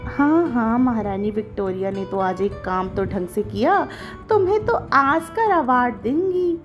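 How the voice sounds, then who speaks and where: Woman reader doing a nagging, sarcastic mother, high-pitched, over faint guitar. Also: animated, lo-fi sound. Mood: scolding. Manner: nagging, mocking, slowed emphatic scolding. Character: scolding, sarcastic village mother, middle-aged.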